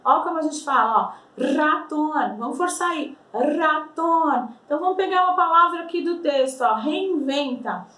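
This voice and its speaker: A woman teaching a language lesson. She explains patiently, repeats words slowly to show their pronunciation, and keeps checking with "tá?" and "vale?". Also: high-pitched, expressive, bright, forceful tone. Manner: ends phrases with checking tags like "tá?" and "vale?". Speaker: Spanish teacher. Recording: roomy, slightly distant mic.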